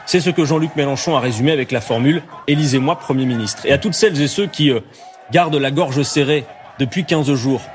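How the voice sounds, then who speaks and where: A man, a politician, delivering a measured, forceful political address. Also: medium pitch, soft background music. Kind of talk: political speech.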